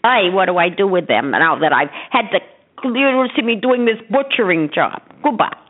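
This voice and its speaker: A woman's voice: medium pitch, lively intonation, moderate pace, dry recording. Older woman on muffled voicemail. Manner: conversational, scattered, trailing into half-finished thoughts. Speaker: mother leaving voicemails for an adult child. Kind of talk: casual rambling voicemail message. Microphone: telephone. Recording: muffled narrow-band phone voicemail.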